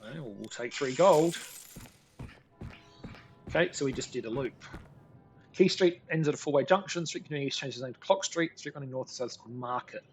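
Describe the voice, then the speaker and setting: A man's voice: medium pitch, fairly quick, pauses often, soft background music. A man hosting a gameplay video, reading the text of a digital gamebook aloud and breaking off for dry, sarcastic asides.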